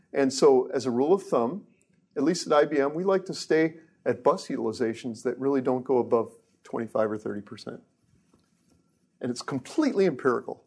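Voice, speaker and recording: A man's voice: fairly high pitch, darkish tone, husky. Joking, casual male tech lecturer. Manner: casual, joking asides, frequent restarts. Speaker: research engineer giving a lecture. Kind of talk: technical lecture.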